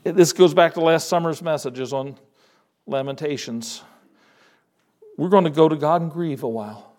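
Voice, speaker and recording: A male pastor preaching a sermon in a conversational way, moving between hushed asides and emphatic lines. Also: a little high, normal speed.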